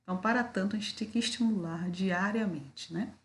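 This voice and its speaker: A woman with a mid-range voice teaches a recorded video lesson, speaking slowly and deliberately. She uses frequent fillers and poses rhetorical questions.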